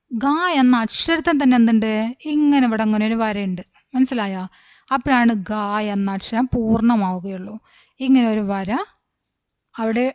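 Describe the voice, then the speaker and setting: A woman teaching Hindi reading, sounding out each syllable slowly and then blending it into the whole word, often checking whether her listeners understand. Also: on the high side, darkish tone, no room sound, highs cut off. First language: Malayalam. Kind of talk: slow spelling-out lesson.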